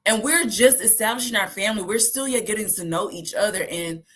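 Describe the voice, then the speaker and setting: A woman's voice: mid-range voice, a little fast, breathy edge. Chatty woman in her thirties. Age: 30s. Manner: chatty, lively, acts out quoted voices. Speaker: host. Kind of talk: casual talk to viewers.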